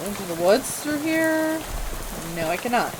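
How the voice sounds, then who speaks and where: A playful let's-play gamer reading on-screen dialogue and cracking jokes. The voice swings widely in pitch. Steady rain patters clearly behind. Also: normal speed, background noise. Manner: animated, jokey, reads dialogue aloud.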